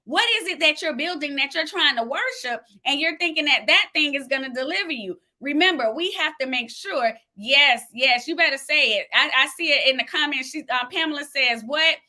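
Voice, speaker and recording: A woman's voice: high-pitched, a little fast, few pauses, bright, forceful tone. A woman preaching a live-streamed sermon, fervent and preacherly, answering viewers' comments aloud as she teaches. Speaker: minister sharing a word.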